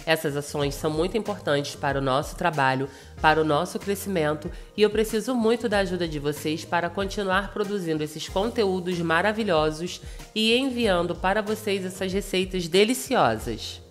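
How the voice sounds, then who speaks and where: A woman's voice: fairly low pitch, moderate pace, few pauses. A Brazilian woman hosting a cooking channel, politely narrating a recipe step by step in a thin, reedy voice cracked by flu. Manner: polite, instructional address to viewers. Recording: music behind the voice. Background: music.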